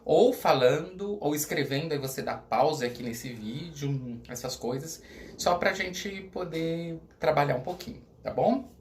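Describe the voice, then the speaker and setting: Brazilian male teacher, middle-aged, upbeat, drags words out slowly to demonstrate pronunciation; echoey classroom sound. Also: on the high side, a little hiss or hum. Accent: Brazilian Portuguese. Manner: lively teacher, slows right down to model pronunciation, checks in with "tá?". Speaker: school coordinator teaching Spanish. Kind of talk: recorded video lesson. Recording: echoey room.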